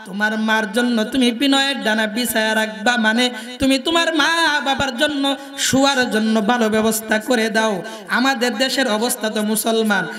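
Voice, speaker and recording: A man's voice: very high-pitched, normal speed, sharp tone. A man preaching an impassioned sermon and firing rhetorical questions at the crowd. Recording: long public-address reverb, faint music.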